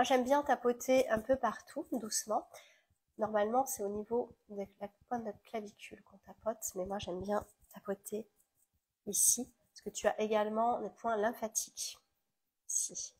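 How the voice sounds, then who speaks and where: Husky French woman guiding a tapping session. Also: mid-range voice. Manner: gentle, coaching, speaks directly to the listener. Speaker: EFT tapping guide.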